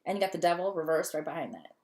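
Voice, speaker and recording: A woman doing a casual tarot reading to camera, talkative and long-winded, gushing and easily excited. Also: fairly low pitch, very fast, a little hiss or hum. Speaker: tarot reader.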